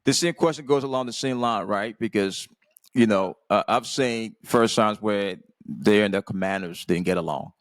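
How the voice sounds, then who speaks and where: Host: man, very low voice, rapid delivery, conversational, keeps asking "right?", dry close sound. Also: no room sound. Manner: quick talker, tags sentences with "right?" and "you know". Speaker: podcast host. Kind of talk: interview questions and comment.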